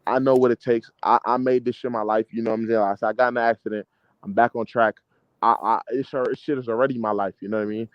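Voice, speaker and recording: In a dry, dull-sounding recording, a mid-20s American man, an amateur boxer from the DMV area, talks casually with an interviewer. He speaks quickly in a clear, resonant voice of medium pitch with a steady tone. His speech is slangy, confident and emphatic, and he repeats himself.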